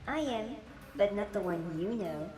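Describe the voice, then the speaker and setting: A woman's voice: medium pitch, expressive, unhurried, dark tone, echoey room, close to an everyday voice. A woman voicing a teasing, sinister winged woman in amateur game voice acting. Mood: coy taunting. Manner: coy, taunting, amateur acting. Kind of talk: amateur game dialogue reading. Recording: music behind the dialogue.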